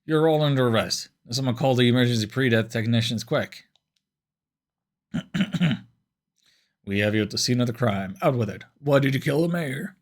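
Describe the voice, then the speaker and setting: A man's voice: medium pitch, normal speed, long pauses, close to an everyday voice. A man voicing a stern male police chief with a curt, accusing manner.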